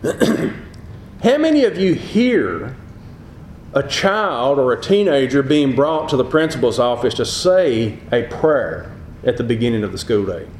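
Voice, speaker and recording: A man's voice: medium pitch, a little mellow, echoey room, slight background noise, rough recording. A middle-aged man preaching a sermon, rising in emphasis on key phrases. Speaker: pastor.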